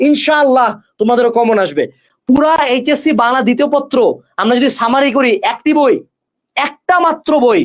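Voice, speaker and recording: A male exam-prep tutor, giving students brash, joking study advice and talking straight to them. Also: extremely high pitch. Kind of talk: energetic study-tips lesson with course promotion.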